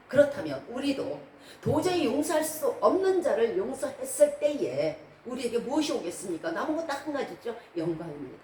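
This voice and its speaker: A warm, medium-pitched female voice belongs to a preacher giving an instructive sermon and posing rhetorical questions to her congregation. It's a service in a church hall, recorded from a distance in an echoey space with background noise.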